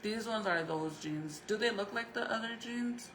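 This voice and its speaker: A woman's voice: medium pitch, normal speed, a bit bright, slight background noise, low-quality recording. A woman chatting casually and informally to viewers as a vlogger, thinking aloud in a rambling way, her speech slightly impeded by a retainer in her mouth. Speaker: vlogger showing crafts and baking.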